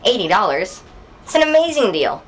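A woman's voice: mid-range voice, very animated, moderate pace, lightly acted, low-quality recording. A woman playing a gullible hungry customer in a homemade comedy skit, reacting in an exaggerated, goofy way.

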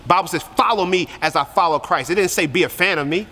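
A man's voice: high voice, fast talker, sharp tone. A man preaching a passionate youth sermon, repeating phrases for emphasis. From Korea. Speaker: youth pastor. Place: church hall. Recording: long reverb of a church hall.

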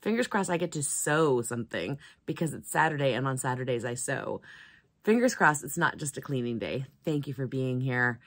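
A woman's voice: extremely low pitch, expressive, moderate pace, fairly bright tone. A woman vlogging in her cluttered home craft room, tired and unwell, rambling in a chatty, self-deprecating way. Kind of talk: casual chat to camera.

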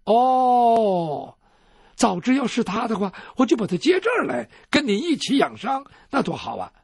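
A male storyteller voicing a quick-tempered young heroine who speaks bluntly. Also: extremely high pitch, sing-song, gravelly, husky, dry recording, studio quality, full character voice. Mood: brusque. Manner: blunt, brusque. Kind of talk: traditional Chinese storytelling.

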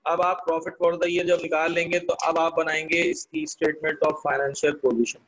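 Slow, patient man teaching accounting. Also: a little high, monotone, fairly bright tone, poor audio. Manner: slow, explains step by step and quizzes students. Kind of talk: online accounting lesson.

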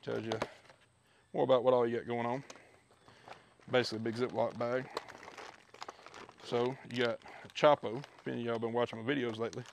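Gravelly man, steady even delivery, casual outdoor gear walkthrough on a head camera, faint background noise. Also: medium pitch, brisk, long pauses. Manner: relaxed, chatty, with many fillers. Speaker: fishing video host. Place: backyard outdoors. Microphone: head-mounted action camera.

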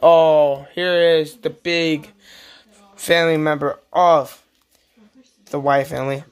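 A woman casually showing off her collection on camera, excitable and gasping often. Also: low voice, slow pace, smooth. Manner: excitable, with frequent gasps and laughs. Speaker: vlogger showing a toy wrestling figure collection. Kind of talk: casual unscripted show-and-tell.

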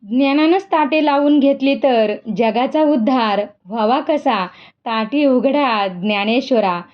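A woman voicing a gentle, wise young girl saint who coaxes earnestly, in a dull lo-fi recording. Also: high-pitched, slow. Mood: solemn. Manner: coaxing, earnest.

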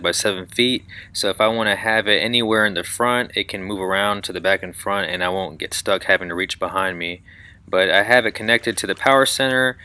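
A man's voice: on the low side, pushed and bright, clean tone, dry recording, studio quality. A man hosting his own channel, walking step by step through a do-it-yourself build in an upbeat, explaining voice. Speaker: channel host. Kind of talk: DIY how-to walkthrough.

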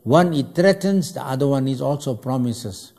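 A man's voice: medium pitch, lively intonation, normal speed, mellow. A man teaching Quranic Arabic word by word, repeating phrases and asking and answering his own questions. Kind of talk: word-by-word Arabic grammar lesson.

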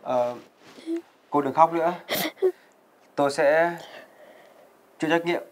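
A man playing a young company chairman and older brother, talking in a gruff, blunt way. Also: a little high, slow pace. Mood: placating. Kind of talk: web drama acting.

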